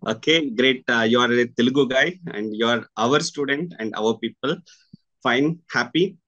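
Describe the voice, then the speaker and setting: Halting Indian-accented man interviewing. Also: mid-range voice, fairly bright tone, muffled recording. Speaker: interviewer, senior faculty at a coaching academy. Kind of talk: video-call interview. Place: small room indoors with curtains.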